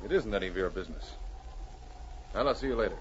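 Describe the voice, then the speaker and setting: A man acts out a steady, authoritative police sergeant of the Gold Rush north in a vintage radio play. His voice sits fairly low. The recording is muffled, with heavy hiss and noise. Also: lightly acted. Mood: calm, firm. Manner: measured, authoritative, shouting commands to sled dogs. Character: firm, level-headed Mounted Police sergeant of the Gold Rush Yukon. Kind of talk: 1940s radio drama acting. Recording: muffled, noisy old radio broadcast recording.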